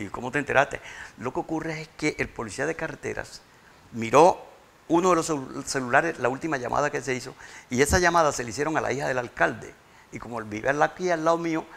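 A grieving father, telling his story in a halting, tearful interview and repeating words when overcome. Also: medium pitch, creaky, fairly bright tone. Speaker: interview guest, bereaved father. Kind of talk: emotional interview testimony.

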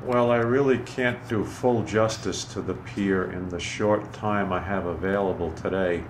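A man narrating a casual walking tour in a measured, informative way, speaking from behind a handheld camera outdoors on a city pier. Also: deep voice. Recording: camera audio with clear outdoor noise.

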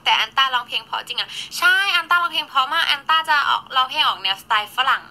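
A woman's voice: sits high, lively intonation, fast talker, bright, forceful tone, poor audio. A woman in her twenties chatting casually on a live stream, snacking and thanking viewers as she talks. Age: 20s. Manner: chatty, eats and reads viewer gifts while talking.

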